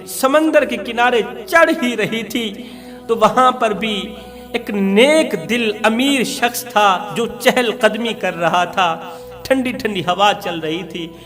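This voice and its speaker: In a high-pitched, fairly bright voice, a Pakistani-accented man, a preacher and religious storyteller, delivers a moral tale as a dramatic sermon, declaiming and repeating for emphasis. The recording carries long hall reverb and music.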